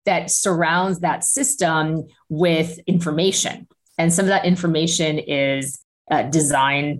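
A woman co-hosting a podcast, thinking out loud in a reflective, conversational way. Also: sits low. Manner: reflective, talks through ideas with fillers. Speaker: podcast co-host. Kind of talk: casual discussion.

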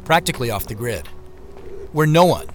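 Here, a man with a natural, mid-range voice speaks expressively at a moderate pace, with slight background noise behind him. As an actor playing the lead, he tells his own audio drama in the first person, voicing a beleaguered, wry office man on the run who mutters understated asides. His narration comes across as tired and wry.

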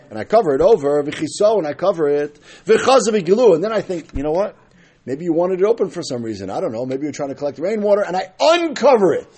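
A man with teaches a religious text aloud. His voice sits high and swings widely in pitch, with a husky edge. He reads a phrase, explains it, then argues it through by posing questions and answering them. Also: a little mellow. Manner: argumentative, asking questions and answering them himself. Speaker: Talmud teacher.

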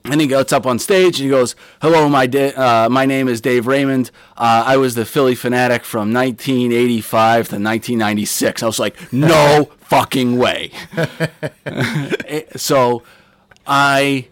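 Animated man telling a story, dry mic. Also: mid-range voice, normal speed, clean tone, no echo. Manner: animated, laughs mid-story, acts out chants and quotes. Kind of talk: casual storytelling.

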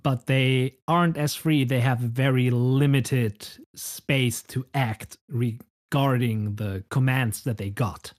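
Slow, measured male game master. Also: mid-range voice, steady tone. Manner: unhurried, descriptive. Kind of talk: narrating a tabletop game.

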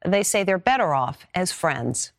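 A woman anchoring a newscast with a brisk, polished delivery. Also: lowish voice, very animated, gravelly. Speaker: news anchor. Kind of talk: newscast presenting.

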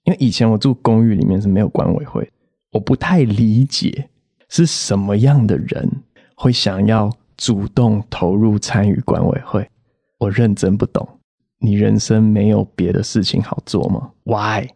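A man's voice: lowish voice, normal speed, gravelly, dark tone, breathy edge, dry recording. A man, hosting a comedic solo podcast and telling exasperated, rant-like stories with quoted voices.

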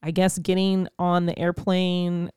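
Animated woman telling a story. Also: fairly low pitch, unhurried, clear, resonant tone, dry recording, studio quality. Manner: animated storyteller, laughing often, acting out quoted voices. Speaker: podcast co-host. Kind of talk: casual storytelling chat.

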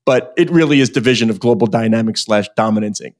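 A man's voice: lowish voice, fast, darkish tone. A man hosting a podcast interview, joking and teasing his co-host and guest in casual chat.

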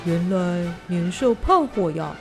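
A woman voicing an earnest, excitable caveman boy in a children's story. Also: on the low side, slow, over loud music, voice pushed down. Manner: excited and earnest, shouting warnings.

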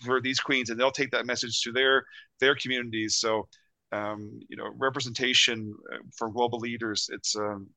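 A man's voice: medium pitch, little pitch movement, normal speed, bright, forceful tone, no echo. A man from Canada, a podcast guest, talking earnestly in casual chat. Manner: earnest, many fillers and restarts.

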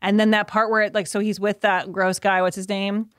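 A woman's voice: medium pitch, little pitch movement, a little fast, smooth, dry recording, studio quality. A young woman co-hosting a casual podcast, recapping a movie in a giggly, rambling way full of "like". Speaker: co-host.

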